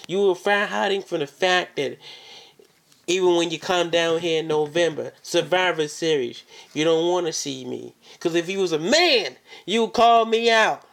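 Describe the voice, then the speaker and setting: Casting: male wrestler for a boastful call-out promo, fairly high voice, confrontational, hammers phrases by repeating them. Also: moderate pace, vocal fry. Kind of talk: wrestling promo, calling out an opponent.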